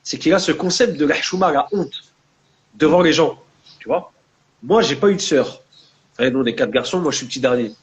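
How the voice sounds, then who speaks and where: With a fairly high pitch, a slightly fast delivery and long pauses, a young man from France with Maghrebi roots chats informally in a discussion. He's there as a guest and book author, speaking with a French Maghrebi urban accent and mixing street slang and Arabic religious words.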